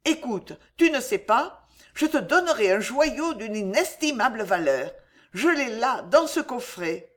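A woman's voice: on the high side, very animated, unhurried, voice pushed up. A woman voicing a cold, cruel queen who taunts and threatens in an icy, mocking tone. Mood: coaxing.

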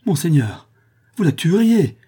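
A loyal old squire with a good heart in a storybook reading, voiced by a man. He talks in a bluff, protective way with a dark, husky tone. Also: fairly low pitch, moderate pace. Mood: alarmed. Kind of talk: audiobook character voice.

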